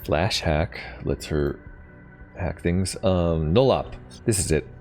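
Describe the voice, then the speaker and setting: A man's voice: low-pitched, takes it slowly, a little mellow, soft background music. A man casually thinking aloud while playing a strategy game, with lots of ums and hesitations. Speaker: gaming channel host. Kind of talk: casual let's play commentary.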